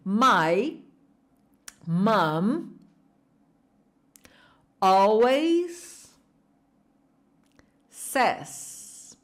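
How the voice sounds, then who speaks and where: A woman's voice: a little high, fairly bright tone. A woman with a Brazilian Portuguese accent teaching an online English lesson, drilling phrases and coaxing viewers to repeat aloud.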